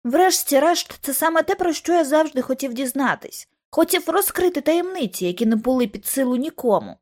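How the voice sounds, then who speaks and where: A gentle young man who speaks faintly, worn down and resigned, as a woman narrator voices him. His words come out soft and tired. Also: fairly high pitch, big pitch swings, normal speed. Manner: weak, resigned.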